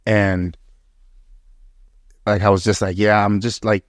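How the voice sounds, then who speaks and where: A young man in his twenties hosting a podcast, his low voice jumping around as he tells stories full of slang. The sound is dry and close, with no room in it. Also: slow, no room sound. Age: 20s. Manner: animated storytelling, lots of "like" and slang. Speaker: podcast host. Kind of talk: casual podcast conversation.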